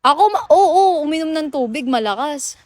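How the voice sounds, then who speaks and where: A woman from the Philippines chats casually with viewers on a phone livestream, her voice sitting high. She teases, laughs often and slips easily between languages. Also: animated, brisk, darkish tone, no room sound. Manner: playful and teasing, laughs often, mixes in English. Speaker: livestream host.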